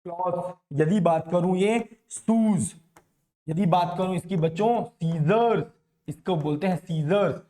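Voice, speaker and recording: Male teacher, fairly high voice, repeats and quizzes the class. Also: measured pace, mellow. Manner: repetitive call-and-response questioning. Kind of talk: classroom science lesson.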